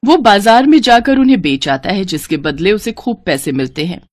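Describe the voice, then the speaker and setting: A woman narrating a moral cartoon story in an expressive storytelling cadence. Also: medium pitch, moderate pace, a little hiss or hum.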